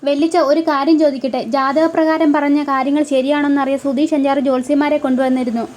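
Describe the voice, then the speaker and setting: A woman's voice: high-pitched, flat delivery, fast talker, a little mellow, a little hiss or hum. A woman retelling a TV serial episode. She speaks every character's lines in turn and adds short asides saying who is talking.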